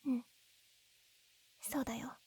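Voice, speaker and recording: In a Japanese ASMR-style situation roleplay, a woman plays a gentle, tearful, lovesick young woman pleading with her childhood friend, her voice close to an everyday one. She speaks unhurriedly, softly and breathily, often drifting into whispers, sounding wistful and relieved. It's a very dry, close recording on a binaural dummy-head microphone.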